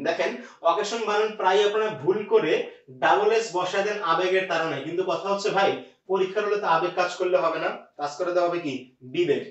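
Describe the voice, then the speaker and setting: A man teaching an English grammar lesson, explaining step by step and often asking his students rhetorical questions. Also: sits high. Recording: echoey distant lo-fi room sound.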